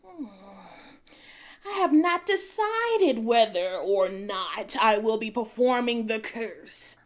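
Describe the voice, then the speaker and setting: A gentle, weary old witch, as a woman plays her in a fairy-tale audio drama. She speaks softly in a high, lilting voice that rises and falls widely. Every word comes slow and considered. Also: very animated, full character voice. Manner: soft-spoken, slow, lilting.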